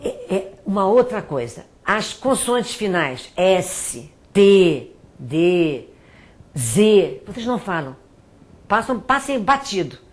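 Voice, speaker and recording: A middle-aged woman from Brazil, a French teacher and author, giving pronunciation tips and repeating words slowly to demonstrate them. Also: medium pitch, big pitch swings. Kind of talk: spoken language tips to students.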